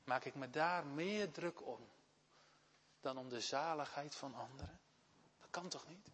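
A man Urk, preaching an earnest sermon that swells into loud, impassioned appeals to the congregation. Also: fairly high pitch, unhurried, a little hiss or hum. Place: church. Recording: long church reverb.

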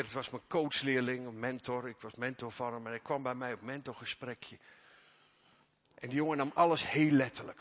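A man preaching a sermon, swinging from quiet, intimate passages to loud, fervent emphasis. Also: medium pitch, husky. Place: church. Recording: long church reverb.

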